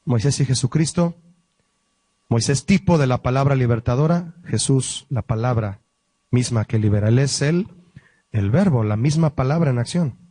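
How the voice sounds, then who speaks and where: A man, a pastor, teaching a Bible study lesson, explaining word meanings slowly and asking the listeners questions. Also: medium pitch, expressive, warm tone, no echo.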